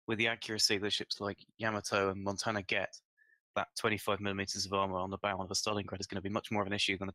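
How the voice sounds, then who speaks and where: Man, lowish voice, sharp bright tone, narrow intonation, casual gaming podcast discussion. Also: no room sound. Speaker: podcast panelist.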